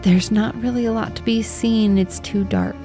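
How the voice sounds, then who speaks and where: A woman game master improvising scene descriptions for a tabletop game in a hesitant, halting way. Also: medium pitch, steady tone. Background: music.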